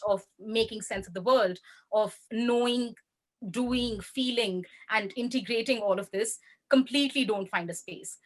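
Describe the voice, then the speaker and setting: A woman speaking on a panel in an academic talk, measured and searching for words. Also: a little high, a bit bright.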